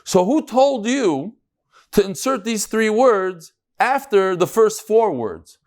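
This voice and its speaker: A rabbi gives an informal daily Talmud lecture to a live class, his man's voice animated and higher-pitched yet slow. He is conversational and emphatic, peppering his speech with rhetorical questions and Hebrew terms.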